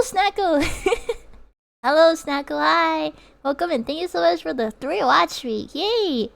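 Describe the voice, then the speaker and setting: A woman's voice: sits high, creaky. A young woman chatting casually with her viewers during a drawing livestream, reading out messages and giggling often. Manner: giggly, reads out chat. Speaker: art streamer.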